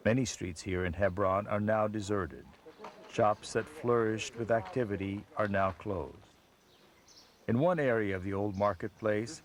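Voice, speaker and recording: A man reading a scripted documentary narration in a measured, even voice-over. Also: on the low side.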